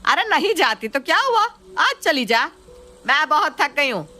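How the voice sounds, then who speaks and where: A woman's voice: high-pitched, big pitch swings, moderate pace, pushed and bright, soft background music, pitched above the performer's own voice, exaggerated voice. A woman voicing an irritable middle-aged mother-in-law in a nagging, bossy way.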